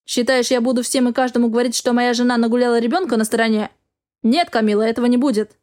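A woman reading the lines of a harsh, domineering husband who barks orders in a gruff manner. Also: very high-pitched, fairly even intonation, fast talker, darkish tone.

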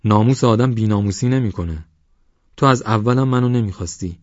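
A man's voice: on the low side, no echo, voice pushed up, close to an everyday voice. A man voicing a tired, harsh and sarcastic village husband who hurls bitter accusations. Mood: angry, accusing. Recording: dull lo-fi audio.

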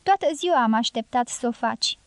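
A woman reading an audiobook, voicing an earnest young girl in a soft, pleading way. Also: fairly high pitch, lively intonation, smooth, no room sound. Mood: tender. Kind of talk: audiobook character voice.

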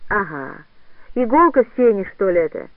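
A man's voice: high-pitched, big pitch swings, moderate pace, dry recording. A frail old village grandmother scolds and sighs in homely, folksy speech, as a male narrator does her. The sound is thin and phone-like, dry and close to the mic. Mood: gruff scolding. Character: frail old village woman, gruff but kindly.

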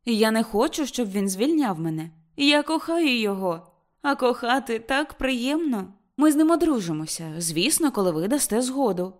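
A tremulous young woman in love pours out her feelings in a raised, pleading voice, as a woman reads her part in an audiobook. Her speech comes high, excited and shaky. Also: normal speed.

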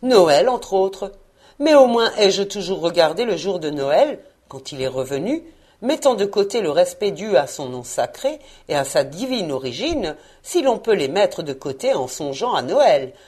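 A woman's voice: lowish voice, big pitch swings, unhurried, darkish tone, husky, full character voice. Lady reading an upbeat earnest young guy, pleading, voice rising and falling a lot. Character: cheerful, earnest young man, warm-hearted nephew.

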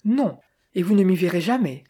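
A woman's voice: fairly low pitch, lively intonation, normal speed, mellow, slightly rough. A woman voicing a self-assured, amused young woman in an audiobook.

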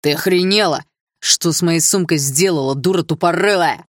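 A woman voicing a rude teenage boy bully who yells insults in an audiobook. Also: lowish voice, moderate pace, no room sound, studio quality, natural voice. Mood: furious. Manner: rough, yelling insults. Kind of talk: audiobook character voice.

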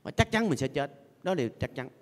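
High-voiced older monk preaching in a hall. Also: male voice, animated, fast talker. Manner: playful, has the audience repeat phrases after him. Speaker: Buddhist monk giving a dharma talk. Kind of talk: sermon. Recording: long echoey hall reverb.

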